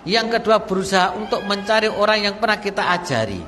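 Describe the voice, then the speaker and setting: Teacher, high clear voice, explains a mosque lesson slowly and repeats key phrases, long hall reverb. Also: male voice, animated, pushed and bright, a little hiss or hum. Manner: recites Arabic text then explains it plainly, repeating phrases. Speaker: Islamic teacher. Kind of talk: mosque study lecture.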